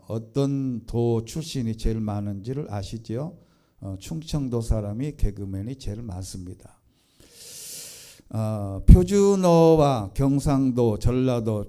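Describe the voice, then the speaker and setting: A man preaching a sermon as pastor, slow and deliberate with many pauses and fillers, playful when he mimics regional dialects. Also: fairly low pitch, warm tone.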